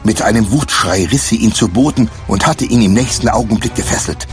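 A man reading a children's adventure story aloud with expressive scripted narration. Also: on the low side, a little fast, faint music behind. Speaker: audiobook narrator.

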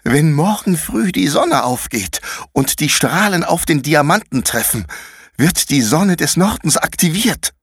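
A man's voice: on the high side, animated, a little slow, slightly rough, no room sound, clean studio sound, voice pushed up, heavily acted. Man doing a fierce, scolding young girl warrior. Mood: urgent. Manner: sharp, scolding.

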